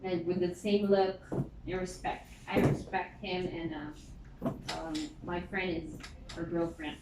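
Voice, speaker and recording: A woman's voice: fairly low pitch, fairly even intonation, unhurried. A woman in her thirties with a Filipino accent, interviewing someone in a casual, chatty and directive way. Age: 30s. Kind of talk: casual job interview chat. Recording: echoey noisy room.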